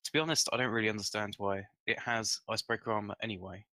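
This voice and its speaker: Man, lowish voice, sharp bright tone, narrow intonation, casual gaming podcast discussion. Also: steady tone, quick pace, dry recording. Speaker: podcast panelist.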